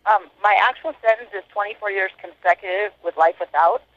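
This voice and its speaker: A woman's voice: mid-range voice, a little fast, a bit bright. Woman on a muffled prison phone. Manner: hesitant, frequent ums. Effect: heard over a prison phone line. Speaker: inmate interviewee. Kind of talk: answering interview questions.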